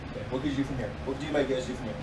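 A man with a medium-pitched voice talks very fast while instructing a martial arts class and demonstrating moves, adding sound effects as he goes. He's in an indoor garage dojo with mats, captured by a far camera. The audio is echoey, heard from a distance, with loud noise.

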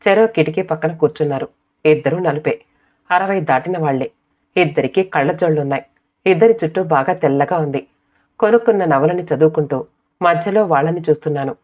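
Woman narrating a story over tinny sound. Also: deep voice.

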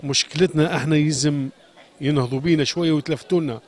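Speaking very fast in a darkish voice on the high side, a man from Sfax, a shoemaker with a Tunisian Arabic accent, delivers an agitated, impassioned complaint in a street interview. He keeps repeating his questions and pleads.

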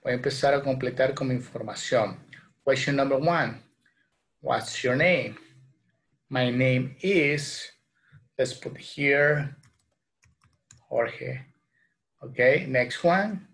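A man in his thirties with a Salvadoran Spanish accent gives an online English lesson for beginners. He says each phrase slowly and carefully, then repeats it in Spanish. His voice sits at an ordinary middle pitch, recorded on a desk webcam in a small room at home. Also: gravelly, a bit bright. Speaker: English teacher.

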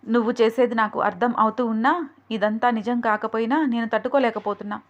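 A woman's voice: on the high side, fairly even intonation, brisk, lo-fi sound, close to an everyday voice. A woman voicing a jealous, angry young woman who taunts and scolds. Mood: angry taunting.

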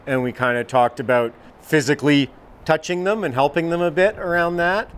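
A man's voice: on the high side, normal speed, a bit bright, smooth. Easygoing mountain guide man, outdoors. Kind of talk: interview. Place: outdoor deck.

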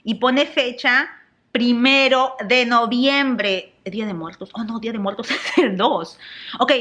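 A young adult woman from Peru with a Peruvian Spanish accent, chatting excitedly in a casual gossip vlog and dropping English exclamations. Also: medium pitch. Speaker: celebrity gossip vlogger.

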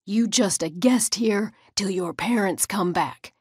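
A woman's voice: fairly high pitch, expressive, slow, pushed and bright, dry recording, studio quality, heavily acted. Woman doing a stern, weary old grandmother. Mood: scolding. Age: older. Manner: harsh, scolding.

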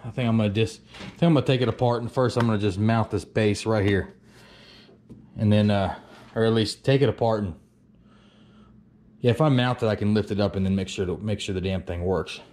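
A man's voice: lowish voice, fairly quick, a little mellow. Plainspoken man in his woodshop. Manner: plainspoken, thinks aloud with fillers and mild cursing. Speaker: woodworker filming his shop. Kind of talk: casual workshop vlog narration. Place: woodworking shop.

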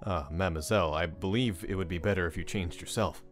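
A man playing the Phantom, deep and formal. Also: fast, lightly acted. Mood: restrained. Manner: formal, courteous, restrained. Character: the Phantom, masked male ghost, formal and reserved. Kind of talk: fan audio drama acting. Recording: dry close mic with faint music.

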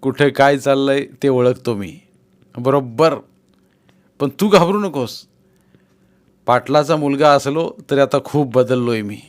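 A man's voice: mid-range voice, measured pace, pauses often, lightly acted. A man voicing a shrewd, persuasive male village politician who keeps pressing and teasing his friend in a read-aloud novel. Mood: coaxing, persuasive.

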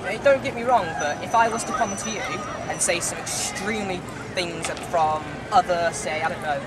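A man's voice: high-pitched, moderate pace. Young man arguing in a noisy city square. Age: young adult. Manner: earnest, rambling, talks over the other speaker. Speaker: passerby debating a preacher. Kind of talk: heated street debate. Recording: distant outdoor recording with crowd and street noise.

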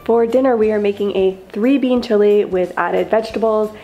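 A woman's voice: medium pitch, moderate pace, mellow, roomy sound, highs cut off, faint music behind. Upbeat young woman walking through meal prep. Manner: upbeat, chatty, step-by-step instructions. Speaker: lifestyle vlogger. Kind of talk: cooking vlog voice-over. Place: home kitchen.

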